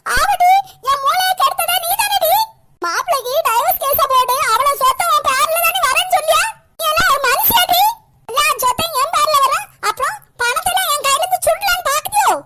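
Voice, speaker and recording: A voice actor playing a hot-tempered, betrayed elder sister in a cartoon, speaking with a Kanyakumari Tamil accent and a shrill, scolding manner. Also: brisk, pushed and bright. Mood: furious.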